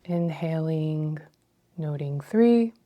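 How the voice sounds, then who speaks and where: Female meditation guide, slightly low register, slow breath counting in short, measured phrases with pauses. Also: expressive, warm tone.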